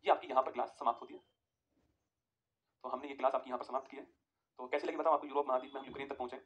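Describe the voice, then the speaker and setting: Fast-talking male online teacher. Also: mid-range voice, level tone, a bit bright, muffled recording. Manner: repetitive, keeps asking "ठीक है?"; addresses students as friends, gives dictation. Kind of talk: live online class lecture.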